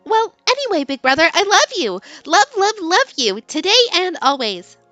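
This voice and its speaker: A woman's voice: very high-pitched, sing-song, normal speed, pushed and bright, soft background music, voice pushed up, heavily acted. A woman voicing a bubbly, pushy fifteen-year-old girl in love, gushing and insistent in a dramatic game-text reading. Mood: lovestruck, pleading.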